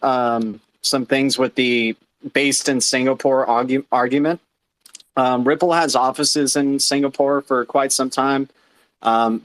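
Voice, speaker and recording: A man's voice: mid-range voice, fairly bright tone, dry recording. A man in a casual online voice chat, explaining points with many ums. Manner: informative, filler-heavy explaining. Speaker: participant in a crypto community audio space.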